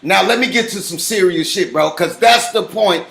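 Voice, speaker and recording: High gravelly man arguing hotly. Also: moderate pace, fairly bright tone. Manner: profane, insistent, talks over the host. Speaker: interview guest. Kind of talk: heated argument. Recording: roomy studio echo.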